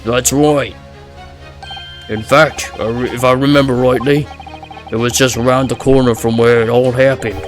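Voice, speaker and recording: A man's voice: mid-range voice, steady tone, moderate pace, soft background music, lightly acted. Man doing a blunt, weary working-class labourer. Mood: gruff, weary. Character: gruff, hard-up working-class male labourer, defensive family man.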